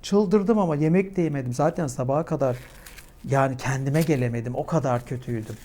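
A young woman vlogging at home while she eats, telling her story with animated, dramatic energy and a clip-on mic. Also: a little fast, a little hiss or hum. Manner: animated, dramatic storytelling that climbs in pitch when agitated. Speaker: mukbang vlogger. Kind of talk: casual chat while eating.

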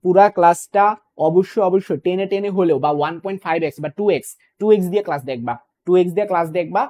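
A man's voice: high voice, dark tone, muffled recording. A young man teaching an online physics exam-prep class, repeating points and checking in often with his students. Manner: fast, repetitive, checks in with "okay?" and "clear?". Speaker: physics tutor.

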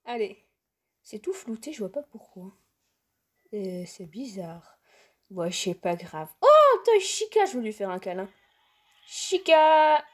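A woman's voice: medium pitch, unhurried, long pauses, darkish tone, slightly rough. A playful young woman giving casual gameplay commentary, talking to the game characters and breaking into squeals and laughs. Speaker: gaming youtuber.

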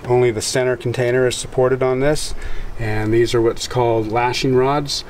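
A middle-aged man giving a casual tour of his container cabin, relaxed and hesitant with fillers. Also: mid-range voice, normal speed, echoey room, slight background noise. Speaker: container home builder. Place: outdoors on a hilltop and inside a container cabin.

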